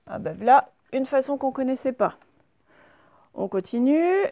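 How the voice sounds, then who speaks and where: Casting: middle-aged woman, schoolteacher, slightly high voice, patient and clear, dry close sound. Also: lively intonation, dark tone, no echo. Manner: slow, clear, patient explaining with many fillers. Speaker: primary school teacher. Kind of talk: recorded spelling lesson for young pupils.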